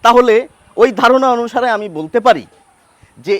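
A man with a high voice and a Bengali accent teaches a grammar lesson at a careful, deliberate pace. He sounds out example words one by one and poses questions to his listeners before he answers them. The recording is dry and close, with no room sound. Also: animated, no echo.

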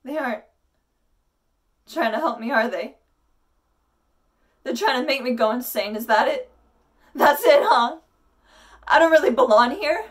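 A young woman performs a desperate, paranoid asylum inmate in a dramatic monologue. Her voice is high, with halting, intense pleas, heard at some distance from the microphone. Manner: halting, intense, pleading delivery. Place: indoors against a plain wall. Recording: voice distant from the mic.

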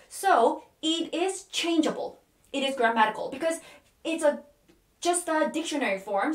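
A woman with a Korean accent teaching a language lesson, patiently repeating words slowly and often checking in with "Okay?". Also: high voice, reverberant, distant mic.

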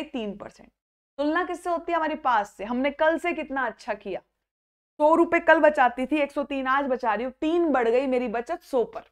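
Woman math teacher, young adult, high voice, energetic, checks in with students constantly. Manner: lively, coaxing students by name, repeats and checks understanding. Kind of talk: live online math class.

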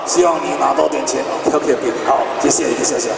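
A man's voice: a little high, steady tone, fairly quick, creaky, background noise. A man performing as a ventriloquist in a live comedy show on a stage in a large indoor mall. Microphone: camera some distance from the stage. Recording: echoey mall, far mic, loud crowd and music.

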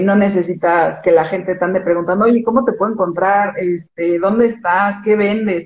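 A woman's voice: mid-range voice, darkish tone, reverberant, dull audio. A woman with a Mexican accent, an image consultant chatting casually in an interview, explaining with everyday examples.

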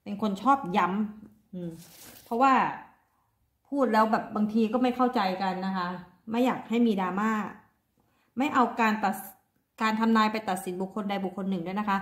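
A woman's voice: on the high side, fairly quick. Chatty middle-aged woman reading tarot. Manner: chatty, repeats herself, warm-hearted pleas to viewers. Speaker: tarot reader. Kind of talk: casual tarot reading to viewers. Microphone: phone front camera. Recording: roomy echo.

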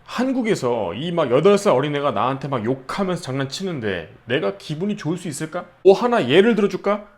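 Brash, animated Korean man telling stories. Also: fairly high pitch, fairly quick, hardly any pauses. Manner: brash, profane, acts out quotes. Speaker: vlogger. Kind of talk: casual storytelling monologue.

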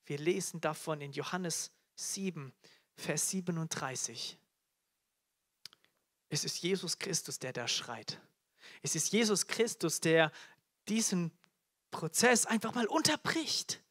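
A man's voice: on the high side, expressive, a little slow, pauses often, a bit bright. A man preaching a live sermon to a congregation, fervent, often calling out hallelujah and repeating key phrases. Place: church teaching event before a congregation.

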